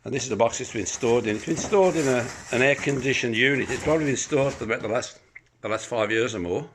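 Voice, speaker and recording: This private seller speaks at a quick pace in a medium-pitched male voice, with background noise audible. Holding his phone behind the camera, he gives a hesitant, rambling, off-the-cuff demo of the item in the living room of his home apartment.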